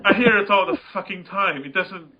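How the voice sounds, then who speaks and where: Speaking fairly quickly in a high voice, this gaming podcast co-host sounds like the top end of the audio has been cut off. His talk is casual, rambling, emphatic, and full of profanity.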